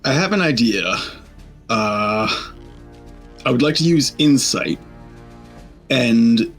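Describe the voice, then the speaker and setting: A man's voice: medium pitch, expressive, slow, faint music behind. A man playing a tabletop game, eager and matter-of-fact as he explains his plan. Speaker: player.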